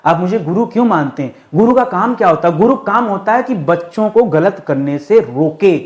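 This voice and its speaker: A man's voice: sits high, animated, moderate pace. A male teacher giving an exam-prep lesson, asking the class questions and answering them himself in a firm, correcting way. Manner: addresses students as friends, firm corrective tone. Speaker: Hindi teacher.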